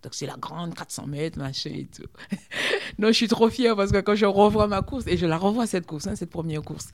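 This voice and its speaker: A woman's voice: medium pitch, moderate pace. Chatty woman telling her story. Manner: lively, chatty, full of fillers like hein and quoi. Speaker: former sprinter, interview guest. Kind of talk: storytelling in an interview.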